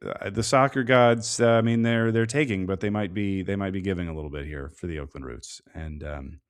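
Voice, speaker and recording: A man co-hosting a casual sports podcast, talking through soccer analysis in a measured way, thinking aloud with plenty of fillers. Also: low voice, smooth. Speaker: podcast co-host.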